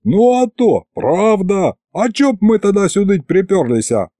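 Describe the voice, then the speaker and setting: A rowdy mob of peasant men, as a male narrator puts them on hollers in an audiobook tale, loud and rough-spoken, pitched well above his normal voice. The sound is close and dry, with a lively swing in the delivery. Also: measured pace, no room sound. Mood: boisterous. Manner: loud, rough, folksy shouting.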